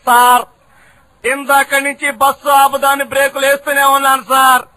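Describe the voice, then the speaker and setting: A male mimic plays a clumsy bus driver who keeps apologising to his boss. The voice is high and bright. It is a stage comedy mimicry act. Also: monotone, moderate pace, exaggerated voice. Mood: apologetic. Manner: deferential, apologetic.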